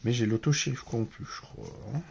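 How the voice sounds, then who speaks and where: A man's voice: medium pitch, a little fast, gravelly, darkish tone, a little hiss or hum. A man with a French accent casually commenting while opening card packs, mumbling card names aloud as he goes. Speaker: card collector opening boosters.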